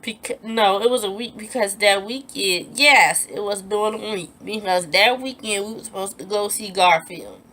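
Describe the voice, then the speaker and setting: Animated young woman telling a story. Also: mid-range voice, normal speed, few pauses, a little hiss or hum. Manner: animated, acts out quoted lines in a raised voice; emphatic, repeats herself when upset. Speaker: vlogger telling a personal story. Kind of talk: storytime vlog.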